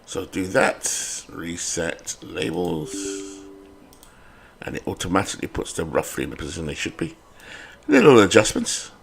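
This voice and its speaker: A British man who hosts a game channel talks casually over a computer baseball game, rambling from one thought to the next and often hesitating and correcting himself in an easy, chatty flow. His lowish voice is creaky and very animated, at a moderate pace. Slight background noise is audible.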